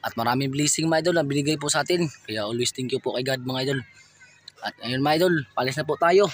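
A man with a Filipino accent narrating a casual fishing vlog from a small boat, shouting excitedly during catches. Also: medium pitch, fast talker, slight background noise. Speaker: fishing vlogger.

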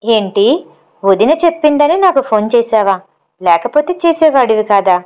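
A woman's voice: a little high, animated, moderate pace, smooth, close to an everyday voice. Brief: young woman on a phone call, teasing and coaxing, voiced by a female storyteller.

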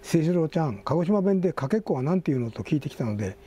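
A man's voice: on the high side, sing-song, fast talker, mellow, slightly rough. An older man hosting a casual talk show, reading magazine articles aloud with asides and self-corrections. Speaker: magazine editor and host.

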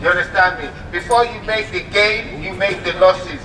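A man's voice: high-pitched, normal speed, crowd noise. A middle-aged man giving a rousing union rally speech through a megaphone, emphatic and repetitive, outdoors. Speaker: union speaker. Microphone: handheld megaphone, filmed from several metres. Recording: noisy outdoor street, distant megaphone, echo.

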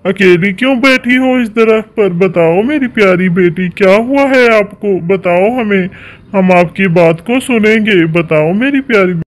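A man's voice: high-pitched, measured pace. A man voicing an anxious father bird in a cartoon, urging his family to flee in a pressing voice. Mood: gentle. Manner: urgent, commanding.

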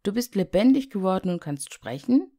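A woman voicing a brave, eager young boy in a fairy tale, speaking brightly and urgently. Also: lowish voice, sing-song, normal speed, creaky, full character voice.

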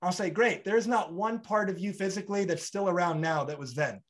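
His voice sits high and runs fairly quick as this man in his thirties hosts a podcast via video call. Set in a bright home room, the interview is conversational, and he animatedly gestures wide and performs both sides of mini dialogues.

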